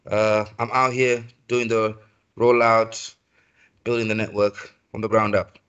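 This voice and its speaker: Flat-voiced man from Tanzania. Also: fairly low pitch, unhurried, clear, resonant tone. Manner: brief, matter-of-fact. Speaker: guest, co-founder. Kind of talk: self-introduction on a video call. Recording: dull lo-fi video call audio.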